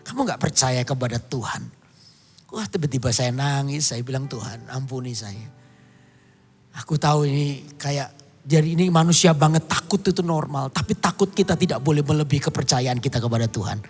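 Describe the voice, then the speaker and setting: A man's voice: mid-range voice, expressive, normal speed, big-room sound, faint music behind. A middle-aged man from Indonesia preaching a sermon, telling a personal story and breaking into song now and then. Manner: storytelling, bursts into song and shouts. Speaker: pastor.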